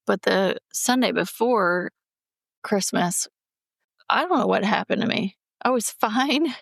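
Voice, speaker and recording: Gravelly-voiced woman co-hosting a podcast. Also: medium pitch, lively intonation, takes it slowly, dry recording, clean studio sound. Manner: candid, emotional storytelling. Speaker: podcast co-host. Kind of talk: casual chat.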